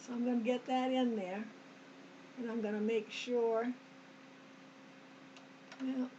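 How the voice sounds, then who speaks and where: A woman with a slightly high voice leads a relaxed sewing lesson, talking to her viewers as if they sew alongside her. Her throat is a little dry. The recording sounds a bit dull, with faint room noise behind her. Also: slow. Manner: homey, talks to viewers as "us", frequent okays and restarts. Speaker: sewing tutorial host. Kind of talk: chatty step-by-step sewing demonstration.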